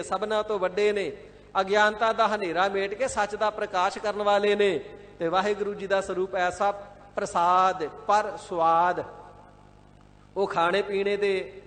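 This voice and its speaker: High-voiced man expounding scripture in a hall. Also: a bit bright. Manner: devout, measured, repeats and glosses words, sometimes chants verses. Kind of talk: line-by-line scripture exposition sermon. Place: large gurdwara hall.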